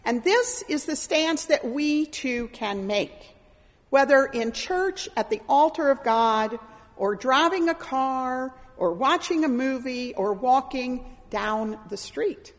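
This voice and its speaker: A middle-aged woman pastor giving a sermon in a church, telling stories in an animated way and acting out the voices of the people she quotes. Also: sits high, slow. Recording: reverberant church hall.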